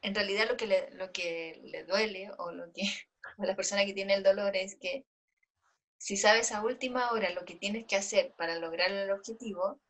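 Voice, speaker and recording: A woman's voice: mid-range voice, steady tone, moderate pace, fairly bright tone. A woman taking part in a training session, thoughtfully explaining a workplace example. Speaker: training participant. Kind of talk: casual discussion.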